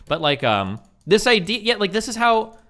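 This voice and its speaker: A man's voice: high-pitched, big pitch swings, normal speed, pushed and bright. A man streaming live, reacting to a video with exasperated, profane ranting commentary. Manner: ranting, exasperated, swears a lot.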